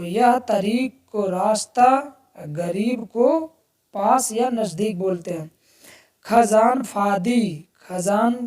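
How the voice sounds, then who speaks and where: A woman's voice: mid-range voice, darkish tone. A woman teaching a language lesson, saying each phrase, then explaining it word by word and repeating it. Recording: voice distant from the mic.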